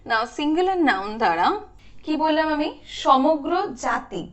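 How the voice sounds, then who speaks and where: A woman with a Bengali accent teaching English grammar, explaining slowly and checking in with her viewers. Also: sits high, very animated, dull audio. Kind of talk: grammar lesson.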